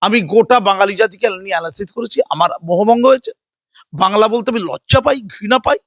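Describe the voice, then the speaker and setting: A high, quick voice, this older man fires off sarcastic, combative remarks and mocking repetitions. He is an interviewee in a heated political conversation, recorded close and dry. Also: dry recording, dull audio.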